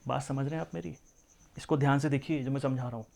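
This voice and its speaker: A man's voice: medium pitch, steady tone, fast talker, vocal fry, a little mellow. A male maths teacher giving a lecture, who explains step by step, mixes in English number words and keeps asking the class whether they follow. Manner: explains step by step, often asks the class questions.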